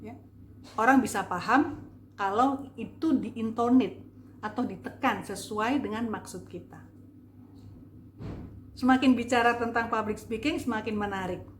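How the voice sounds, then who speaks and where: A woman's voice: on the high side, a little slow, pauses often, slight background noise. A woman giving a casual video lesson on public speaking, chatty and demonstrative, with many fillers. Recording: echoey room with faint ambience.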